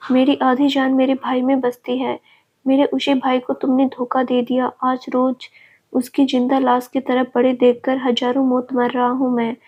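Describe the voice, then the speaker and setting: Lady reading a cold angry young guy, high flat voice, scornful, muffled audio. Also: moderate pace, breathy edge. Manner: harsh, scornful and accusing. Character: furious young man, bitter, cold, contemptuous. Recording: dull lo-fi recording.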